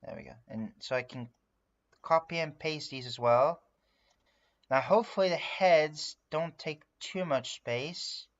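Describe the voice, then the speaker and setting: A man from France, speaking in his native French, streams himself drawing and chats casually, narrating his work in a rambling way full of fillers. His voice is fairly high and measured in pace, and the audio sounds dull.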